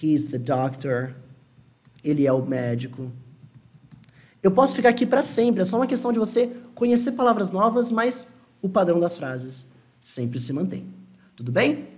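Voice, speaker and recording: A man with a Brazilian Portuguese accent teaching an English lesson, explaining patiently and slowing down to model English phrases. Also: sits high. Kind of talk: online language lesson.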